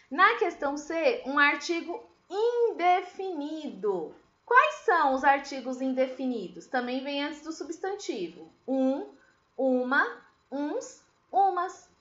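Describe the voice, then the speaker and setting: A woman's voice: high voice, bright, forceful tone, echoey room, highs cut off. A woman teacher giving a recorded lesson, explaining patiently step by step and asking her pupils questions. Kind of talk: recorded remote class lesson.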